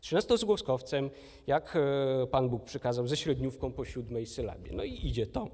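A man delivers a lecture in a hall with a long reverb tail. His voice sits in a middle pitch, and he thinks aloud as he goes, pausing with fillers and restarting his sentences. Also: lively intonation, a little mellow. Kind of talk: recorded university lecture.

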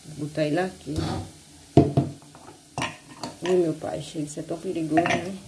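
With a low, steady voice at normal speed, a woman talks to her viewers while cooking in her small home kitchen, filmed on a phone. A loud sizzling pan and kitchen clatter create heavy background noise in this casual vlog.

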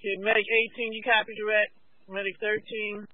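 A man's voice: high voice, flat delivery, brisk. A man working as a fire dispatcher, giving terse radio updates over a two-way radio. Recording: tinny narrowband dispatch scanner radio.

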